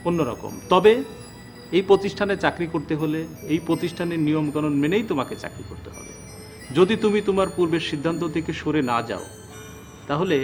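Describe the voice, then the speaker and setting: Headmaster, male actor, formal and stern, slightly high voice. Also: lightly acted. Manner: formal, lecturing. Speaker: school headmaster. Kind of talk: TV serial acting.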